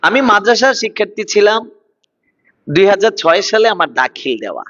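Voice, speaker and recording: Man, thirties, online class teacher, repeats words to drill them, high voice, muffled recording. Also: expressive, a little fast, a bit bright. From Bangladesh. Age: 30s. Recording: dull lo-fi online class audio.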